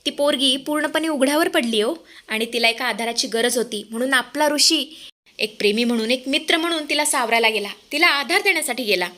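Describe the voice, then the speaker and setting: A woman's voice: sits high, fairly quick, bright, forceful tone. A woman voicing an earnest young daughter-in-law pleading with her father-in-law in a narrated TV-serial recap. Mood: explaining.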